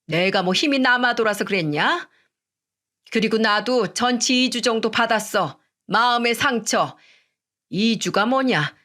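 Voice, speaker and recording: A woman's voice: fairly high pitch, expressive, unhurried, fairly bright tone. A woman voicing a rude, greedy older mother-in-law who scolds and bosses in a coarse way, in a read-aloud story. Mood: defiant. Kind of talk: storytelling radio drama reading.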